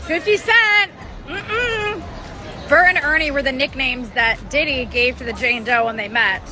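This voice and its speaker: A woman's voice: a little high, fairly quick, sharp tone, soft background music, a faint crowd, low-quality recording. A woman giving a gossipy on-the-scene recap of a trial. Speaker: trial reporter. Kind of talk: on-the-scene reporting.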